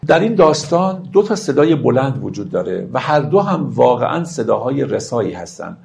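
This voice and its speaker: A man giving a lecture on classical verse, reciting lines slowly and then explaining them in a conversational tone. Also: mid-range voice, big pitch swings, vocal fry, a little mellow. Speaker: teacher of classical poetry.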